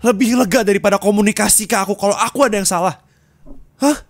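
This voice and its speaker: In an ASMR roleplay, a man bitterly scolds his partner, swinging from low muttering to raised, angry reproach. He talks quickly into a close mic, and there's no echo.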